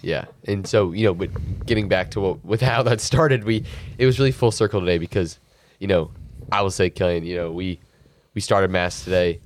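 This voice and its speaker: A man's voice: deep voice, a little fast, few pauses. A young man in his late teens co-hosting a student podcast, talking in a reflective, earnest way with lots of "you know" fillers. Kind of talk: casual podcast chat.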